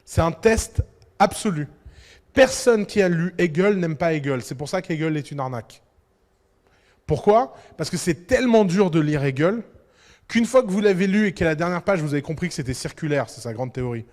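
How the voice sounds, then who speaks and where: A man giving a lively talk to an audience as an entrepreneur, emphatic and full of rhetorical questions. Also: on the high side, normal speed, big-room sound. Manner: emphatic, rhetorical questions, acts out little dialogues.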